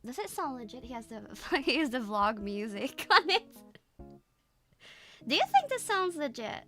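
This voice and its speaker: A woman's voice: high-pitched, sing-song, normal speed, fairly bright tone, soft background music. A woman streamer chatting casually while reacting to videos, giggly and laughing often.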